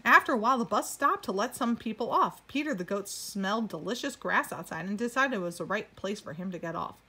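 A woman reading a children's picture book aloud as a storyteller, expressive and animated. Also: medium pitch, brisk, husky.

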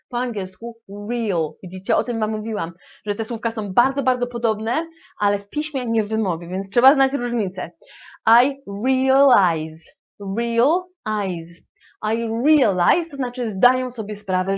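A woman's voice: on the high side, dull audio. A woman teaching English vocabulary in a playful, affectionate manner, with frequent hesitation fillers. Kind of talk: lively language lesson.

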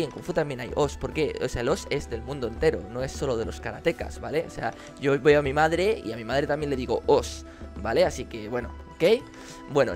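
Animated Spanish man telling a story. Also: medium pitch. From Spain. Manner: animated, bursts into shouting when reenacting. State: injured leg, resting. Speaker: kung fu teacher. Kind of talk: casual storytelling to camera.

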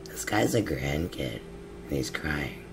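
A man hosting a game role-play, joking loudly and laughing as he plays. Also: extremely low pitch, sing-song, takes it slowly, creaky, background noise. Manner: loud, laughing, joking outbursts. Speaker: gamer host.

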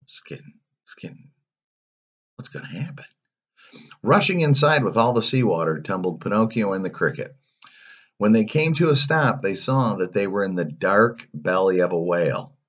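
A man reading a children's story aloud, animated, with playful asides. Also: fairly low pitch, normal speed, muffled recording.

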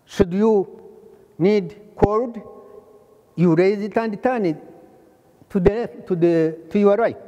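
An older man from Rwanda giving a hands-on plumbing lesson, pausing often and repeating phrases as he shows the parts. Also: high-pitched, warm tone, in a large hall, highs cut off. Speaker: plumbing instructor. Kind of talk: slow hands-on trade lesson. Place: large workshop hall.

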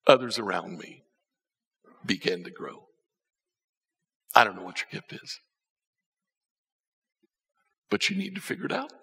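In a long-reverb hall, an older man preaches a sermon from a church stage with band instruments, taking long pauses and swinging widely in pitch. The pastor's voice is gravelly and slightly husky with a bright edge, and he tells his stories unhurriedly, shifting between soft and emphatic.

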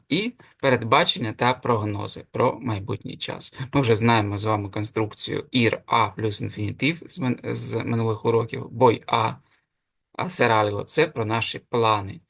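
A man teaching a Spanish lesson online. He explains step by step, stops often with fillers and self-corrections, and slows down to pronounce the Spanish forms. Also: medium pitch, vocal fry, fairly bright tone, dry recording, studio quality.

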